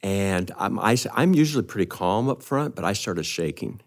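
A man's voice: fairly low pitch, expressive, moderate pace. An older man, a pastor, telling a self-deprecating story on a podcast.

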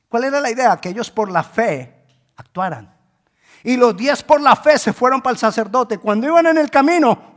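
A man preaching a sermon, moving between hushed pleading and loud emphatic calls, and acting out the voices in the stories he tells. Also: sits high. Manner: acts out quoted voices in storytelling. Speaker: pastor.

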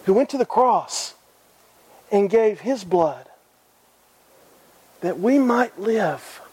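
A man's voice: high voice, animated, slow pace, darkish tone, slightly rough, rough recording. A man preaching a sermon in an earnest way, repeating phrases and asking his listeners direct questions.

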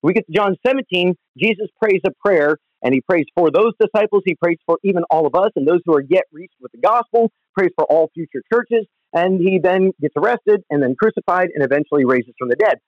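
A man's voice: high voice, expressive, a little fast, hardly any pauses, dry recording. A man, a pastor, gives an earnest, conversational devotional talk from home, heard over the phone. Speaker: pastor and podcast host. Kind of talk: devotional podcast teaching. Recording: dull lo-fi phone recording, dry.

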